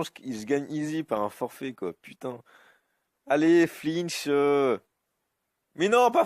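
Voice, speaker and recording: A man giving live commentary over his own game, cursing often and swinging between high yelps and low grumbling. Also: no echo. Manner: swears freely, swings from yelps to grumbling mutters. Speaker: YouTube gamer.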